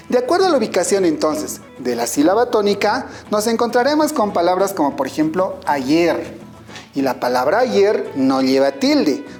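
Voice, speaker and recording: A man with a Bolivian Spanish accent teaches a scripted online lesson. His voice rises and falls a great deal as he explains each point. He speaks clearly and turns to his students with questions. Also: high voice, darkish tone.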